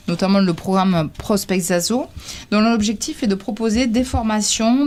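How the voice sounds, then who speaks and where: A woman's voice: mid-range voice, a little mellow, slight background noise. A woman interviewing on radio as host, rephrasing as she goes in a hesitant manner. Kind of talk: semi-prepared radio interview.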